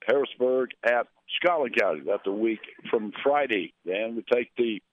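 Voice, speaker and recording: A man's voice: mid-range voice, no room sound. Man announcing local radio basketball. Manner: conversational, reads scores and schedules. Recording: narrow phone-like radio sound.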